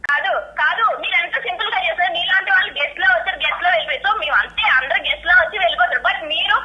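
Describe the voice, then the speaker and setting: A woman working as a loan recovery agent, talking loudly and insistently in a heated phone argument. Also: very high voice, very fast, very noisy. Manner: loud, shouting, insistent. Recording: muffled phone line, crowd behind.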